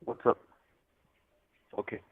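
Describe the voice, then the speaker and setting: A man talking casually over a choppy phone line with a bad connection, halting and restarting his sentences. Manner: rambling, halting, many restarts. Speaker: co-host on a prison phone call. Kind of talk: casual chat.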